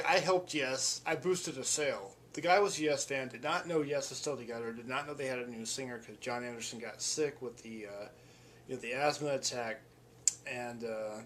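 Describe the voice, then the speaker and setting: A man's voice: mid-range voice, a bit bright, slight background noise. A man in a mid-range voice tells a casual story with rambling enthusiasm and frequent restarts. He sounds like a vlogger talking straight to the camera. A faint wash of ambience sits behind him. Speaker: vlogger and musician.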